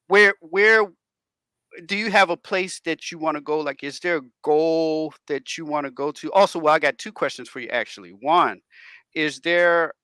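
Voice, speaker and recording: A man hosting a talk radio show, chatting loosely with his guest and laughing often. His voice is bright and smooth, a little higher than most men's, and the sound is dry and close. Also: dry recording. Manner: laughs often, rambling questions with restarts. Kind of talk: casual interview chat.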